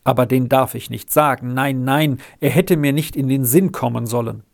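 A man's voice: medium pitch, creaky, a little mellow, close to an everyday voice. A man reading aloud, voicing a humble poor villager who speaks hesitantly. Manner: hesitant, halting.

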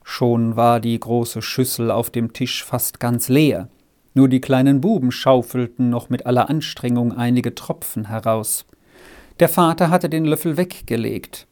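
A man narrating a children's story as an audiobook, in a measured storytelling manner. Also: mid-range voice, steady tone, a little mellow. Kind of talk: audiobook reading.

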